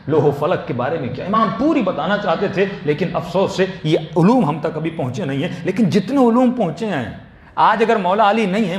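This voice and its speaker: A man's voice: on the high side, slight background noise. A man preaching a Muharram sermon in a mosque, building through rhetorical questions to impassioned emphasis. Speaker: Shia cleric giving a Muharram majlis. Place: mosque hall. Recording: echoey mosque hall, faint ambience.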